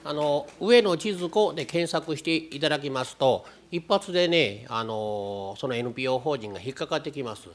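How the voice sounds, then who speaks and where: A man's voice: on the high side, normal speed, hardly any pauses. A man moderating an audience question session, speaking with many hesitant fillers. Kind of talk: chairing a Q&A.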